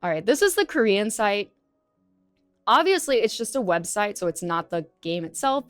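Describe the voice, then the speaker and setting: A young woman streamer reads an article aloud and reacts casually in chatty, filler-filled comments; she's a native English speaker. Her medium-pitched voice is very animated at normal speed, a bit bright, clear and resonant. The dry recording has soft background music.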